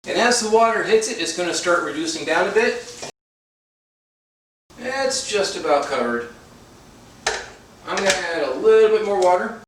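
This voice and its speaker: A man talking through a home cooking vlog, slightly high-pitched, with dry, self-mocking humor. He sounds a little away from the mic in a very echoey kitchen, with faint noise underneath. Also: animated, moderate pace, long pauses, fairly bright tone, recorded from a distance. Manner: dry self-deprecating humor, chatty asides. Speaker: cooking channel host.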